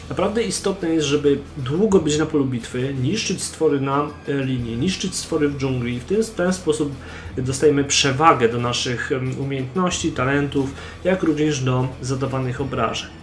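A man's voice: mid-range voice, normal speed. A young man giving game tips in a voice-over, speaking straight to the viewer and urging them on with emphasis. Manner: emphatic, exhorting, addresses the viewer directly. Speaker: gaming channel host.

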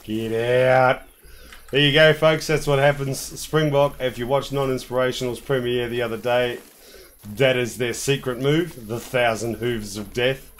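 A man from New Zealand streaming a hunting game, talking casually and relaxed with some "uh" fillers. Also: medium pitch, moderate pace, a little hiss or hum. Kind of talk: casual gameplay commentary.

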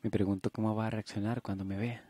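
A man's voice: on the low side, little pitch movement, fast, mellow, husky, no echo. A man voicing a bubbly, impulsive young woman nurse in an audiobook, alternating teasing and wistful tones. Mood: eager.

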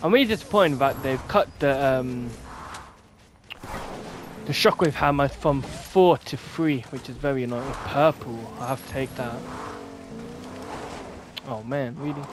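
A young man, giving chatty, casual commentary on his own gameplay and getting quickly annoyed when things go wrong. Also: mid-range voice, noisy background. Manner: excitable, easily annoyed, chatty. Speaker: gameplay streamer. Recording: game music loud in background. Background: loud game music.

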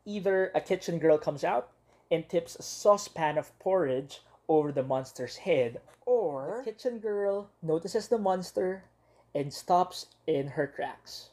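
A woman teacher reading a picture book aloud to young children, expressive and full of dramatic pauses. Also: on the low side.

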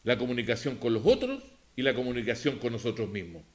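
A man's voice: mid-range voice, sing-song, fast talker. A man with a Chilean accent giving an informal lecture on coaching football, emphatic and repetitive, acting out examples as he goes.

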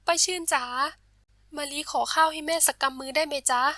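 A woman's voice: high-pitched, fairly quick, sharp tone, no room sound, clean studio sound, pitched above the performer's own voice. A woman voicing a poor, devoted young village girl who pleads tenderly with the people around her. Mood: pleading. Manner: pleading, tender, rising to alarm.

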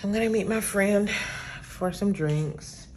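A woman's voice: medium pitch, slow, a little hiss or hum. A woman in her thirties chatting casually to viewers as a vlogger, filming on a phone held at arm's length at home. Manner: chatty, relaxed, direct address to viewers. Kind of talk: casual vlog talk to camera. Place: apartment indoors.

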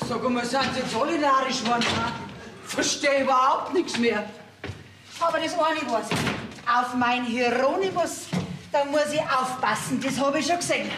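A woman's voice: sits high, moderate pace, background noise, lightly acted. An actress with a Bavarian accent playing an outspoken, scolding middle-aged farm mother in a folk theater play. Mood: blunt. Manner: blunt and scolding. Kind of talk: folk theater stage acting. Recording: roomy stage sound.

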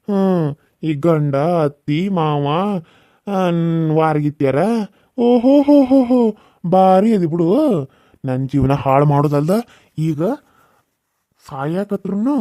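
A man's voice: high-pitched, dark tone, dry recording, clean studio sound. A man voicing a menacing, scorned young village man in a cartoon serial, taunting and threatening with mocking laughs.

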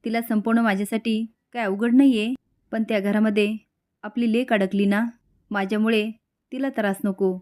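A woman tells the story of a serial episode in a steady, scripted narration. She moves scene by scene and reads out each character's lines herself in quotes. Her voice sits at an ordinary pitch for a woman. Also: normal speed.

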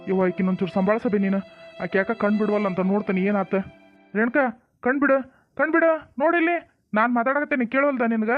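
A man's voice: high-pitched, little pitch movement, fast, no room sound, soft background music. A man playing a stern village father-in-law. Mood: urgent. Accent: North Karnataka. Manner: firm, scolding, then soothing. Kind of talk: village comedy drama acting. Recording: tinny phone-like dry sound.

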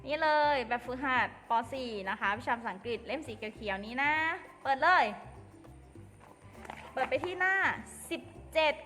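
A woman teaching an English lesson to children, explaining slowly and carefully and addressing them fondly. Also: a little high, lively intonation, a bit bright. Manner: slow, careful explaining, addresses pupils as "ลูก". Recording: long reverb with faint music.

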